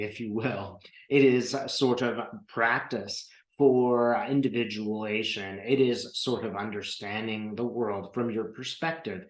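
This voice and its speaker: A man giving a channeled spiritual talk in the manner of a seance medium, with measured, deliberate and formal phrasing. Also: fairly low pitch, roomy sound, low-quality recording. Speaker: trance channeler.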